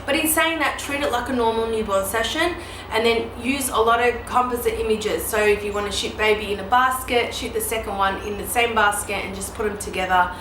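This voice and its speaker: This is a casual Q&A vlog from a newborn photographer and educator in her mid-thirties, who answers viewers in a chatty way full of ums and you-knows. She talks fairly quickly in a slightly high voice. Her echoey room has constant background noise.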